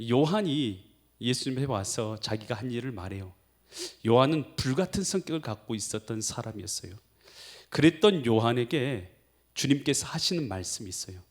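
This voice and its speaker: A male pastor preaching a sermon, keeping the congregation engaged with frequent questions. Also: mid-range voice. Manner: animated, quizzes the congregation with questions.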